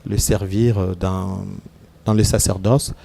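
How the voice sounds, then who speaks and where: Unhurried Congolese priest with a mellow voice. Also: male voice, low voice, level tone, vocal fry, a little hiss or hum. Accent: Congolese French. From Democratic Republic of the Congo. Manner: measured, hesitant, many pauses and fillers. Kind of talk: casual interview talk, mixing French and Lingala. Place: TV studio.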